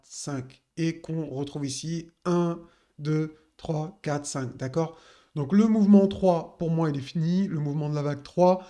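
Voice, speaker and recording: Casual crypto analyst, mellow voice. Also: male voice, on the high side. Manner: casual, addresses viewers directly with frequent fillers. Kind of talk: chart analysis walkthrough.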